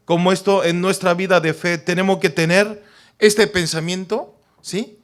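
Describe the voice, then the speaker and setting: A pastor, a native Korean speaker, preaching a sermon emphatically and often asking the congregation to confirm. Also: male voice, high-pitched, steady tone, measured pace.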